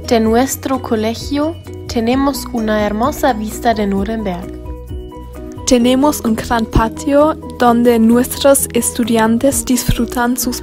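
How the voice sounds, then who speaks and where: A young woman reading a school tour as voice-over. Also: a little high. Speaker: student narrator. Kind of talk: scripted voice-over narration.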